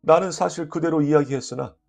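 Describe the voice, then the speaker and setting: A man reading a short story aloud as an audiobook narrator, lively and expressive, voicing the dialogue. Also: on the high side, brisk, creaky, soft background music.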